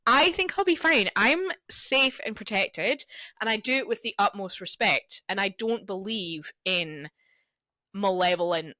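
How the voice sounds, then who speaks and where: Lively, bright-voiced woman telling stories. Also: mid-range voice, a little slow, dry recording. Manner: chatty storyteller, swears freely. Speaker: podcast co-host. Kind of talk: casual chat.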